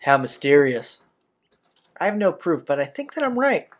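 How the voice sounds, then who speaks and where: A man with a slightly high, sing-song voice reads visual novel text at normal speed, hosting a playthrough in a laid-back, slangy manner with casual asides. The visual novel's soundtrack plays in the background.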